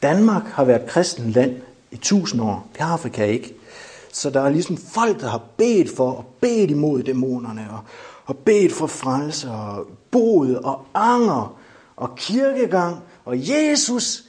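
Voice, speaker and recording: A man preaching a lively sermon, joking with the congregation and shouting to drive points home. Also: medium pitch.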